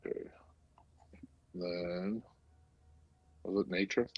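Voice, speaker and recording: Husky, creaky man playing a tabletop game. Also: deep voice, fairly even intonation, takes it slowly, whispered, lo-fi sound. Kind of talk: casual game table chat.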